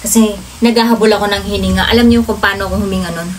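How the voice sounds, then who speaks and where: A woman's voice: medium pitch, steady tone, very fast, a little hiss or hum, poor audio. A woman telling a personal story to her viewers in a casual vlog, often calling them guys. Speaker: vlogger.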